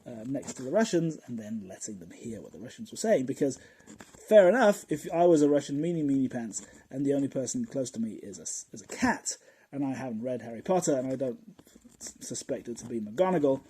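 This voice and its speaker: Chatty, husky-voiced podcast man. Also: medium pitch, big pitch swings, fairly quick, mellow, poor audio. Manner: chatty and rambling, chuckles often, drops to asides. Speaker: podcast host. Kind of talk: casual podcast monologue.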